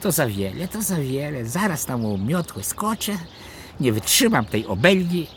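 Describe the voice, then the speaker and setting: A man voicing a boastful but soft-hearted old female witch with a screechy, theatrical voice. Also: fairly high pitch, sing-song, normal speed, slight background noise, pitched above the performer's own voice. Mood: exasperated. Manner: exaggerated, sing-song theatrical delivery. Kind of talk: storybook voice acting in verse.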